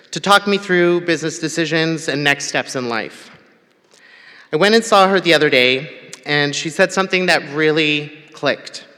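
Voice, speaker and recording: Guy from tanzania giving a grad speech, bright tone, big reverb-y hall. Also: a little high. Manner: candid and personal, with light humor. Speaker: convocation speaker. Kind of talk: prepared ceremony speech. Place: large hall.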